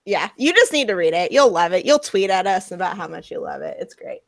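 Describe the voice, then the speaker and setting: A woman's voice: mid-range voice, animated, brisk, fairly bright tone. A young woman co-hosting a casual group podcast, talking with enthusiasm and laughing often. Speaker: podcast co-host.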